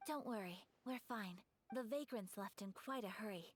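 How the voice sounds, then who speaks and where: A woman voicing a poised, dutiful young noblewoman in a video game, speaking in a formal, polite, measured way. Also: mid-range voice, close to an everyday voice. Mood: modest. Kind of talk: video game character acting.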